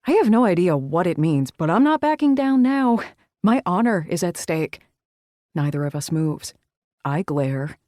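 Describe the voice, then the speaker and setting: Female romance audiobook narrator, low mellow voice, wry and expressive. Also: unhurried, dry recording, studio quality. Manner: wry, expressive first-person storytelling.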